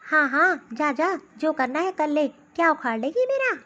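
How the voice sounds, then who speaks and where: A woman's voice: high voice, very animated, normal speed, sharp tone, muffled recording, heavily acted. A woman voicing a bossy, taunting middle-aged mother-in-law in a cartoon story. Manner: scolding, taunting.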